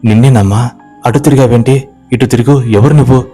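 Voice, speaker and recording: Worried young villager, urgent and coaxing, pitched higher and louder than the teller's own voice, as a male storyteller puts him on. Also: fairly even intonation, fairly quick, faint music behind, close to an everyday voice. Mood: pleading. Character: worried young village man, gentle and pleading.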